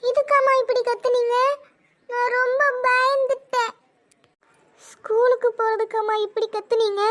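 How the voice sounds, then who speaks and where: Woman voicing a cartoon schoolgirl, whiny, protesting, piping high. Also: little pitch movement, normal speed, fairly bright tone. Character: startled schoolgirl daughter. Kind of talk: animated cartoon voice acting.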